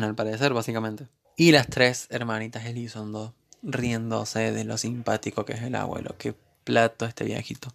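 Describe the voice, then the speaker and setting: Gravelly Argentine man, sarcastic recap. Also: medium pitch. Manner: sarcastic, joking asides. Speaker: TV series reviewer. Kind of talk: casual recap commentary.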